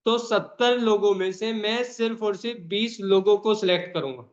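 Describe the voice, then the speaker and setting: A man's voice: high-pitched, moderate pace. A man hosting an online meeting over a video call, calling out names and urging people on in an emphatic, repetitive way. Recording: dull lo-fi call audio.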